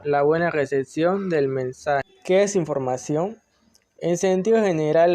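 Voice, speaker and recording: A man reading class notes aloud in a measured, list-like way, with occasional slips. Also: a little high, warm tone. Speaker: student presenter.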